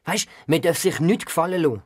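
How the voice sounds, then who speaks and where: A storyteller doing a gruff old grandfather from a children's audio story, speaking slowly and sternly in a Swiss German accent. The voice is husky and a little breathy. It sits close and dry, with no room sound. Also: mid-range voice, expressive, no echo.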